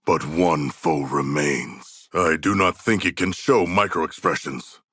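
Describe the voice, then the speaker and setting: An actor playing a huge, proud but earnest and anxious shark demigod in a video game, speaking in formal, stilted, literal-minded phrases. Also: male voice, a bass voice, slow, sharp tone, slightly rough, no room sound, studio quality, exaggerated voice. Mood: solemn, earnest. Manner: formal, stilted, solemn phrasing with few contractions. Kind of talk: video game character dialogue.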